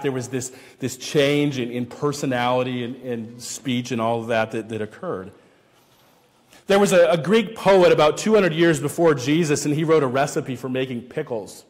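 A man pastor giving a teaching sermon, explaining patiently and often repeating words as he restarts. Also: mid-range voice. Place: church sanctuary. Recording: long church hall reverb.

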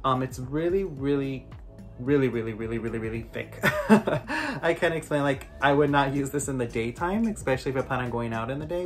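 Man, raspy and gravelly today, chatty home reviewer with faint background music. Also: medium pitch, a bit bright. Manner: chatty, rambling explanations. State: raspy from allergies. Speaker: skincare vlogger. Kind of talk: casual product review.

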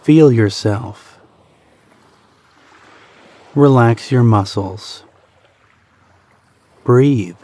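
The narrator of this guided meditation is a man whose mid-range voice sounds mellow. He keeps a soothing, deliberate pace and pauses between brief phrases.

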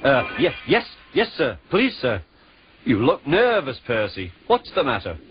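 A man's voice: a little high, big pitch swings, moderate pace, voice pushed up. Man doing a timid stammering little engine. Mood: nervous. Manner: stammering, anxious, overly polite. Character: small timid young male engine, nervous. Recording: dull lo-fi with music.

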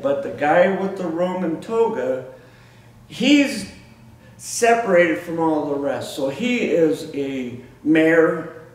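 A man's voice: a little high, darkish tone. A middle-aged man preaching a sermon in a small church, emphatic, with frequent repeated words and restarts. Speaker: pastor. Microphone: far room camera. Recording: echoey church room from far off.

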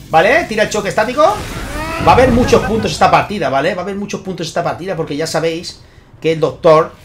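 A man with a Spain Spanish accent, hosting his channel and commentating a tournament match, excitable and constantly checking in with his viewers. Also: high voice, noisy background. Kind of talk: gameplay commentary.

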